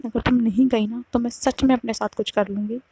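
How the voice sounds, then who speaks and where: A woman's voice: fairly high pitch, steady tone, fairly quick, warm tone, a little hiss or hum, lightly acted. Woman voicing a weary, bitter young woman. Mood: weary pleading. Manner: curt, pleading then cutting.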